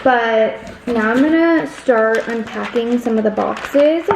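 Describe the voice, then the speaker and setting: A woman's voice: a little high, slow, gravelly. A young woman vlogging casually as she shows an empty apartment on a handheld camera, chatty and gushing, full of "like" fillers. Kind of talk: casual vlog narration. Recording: echoey empty rooms, faint background noise.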